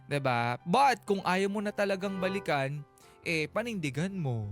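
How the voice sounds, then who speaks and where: Over background music in a studio, this Filipino-accented co-host of a radio advice show speaks with a high, fairly bright, animated voice at a moderate pace. His casual talk is emphatic and playful, mixing Tagalog and English and full of rhetorical tags.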